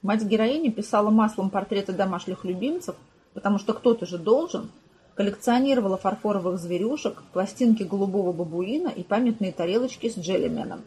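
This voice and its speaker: A woman reads an audiobook in an even, measured storytelling manner. Her voice is mellow and dark. It has a soft husky grain. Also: mid-range voice, rough recording. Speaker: audiobook narrator. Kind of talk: scripted narration.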